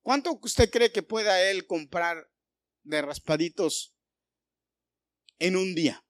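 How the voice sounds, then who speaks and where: A male pastor preaching a sermon, animated and full of rhetorical questions aimed at the congregation. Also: high voice, takes it slowly, dry recording.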